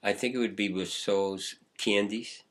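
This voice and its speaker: An older man talks in a fairly low voice. He rambles through his memories in an easy, conversational way, often chuckling. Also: steady tone, a little slow, a bit bright. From Boston, USA. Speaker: guest poet. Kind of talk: casual interview chat.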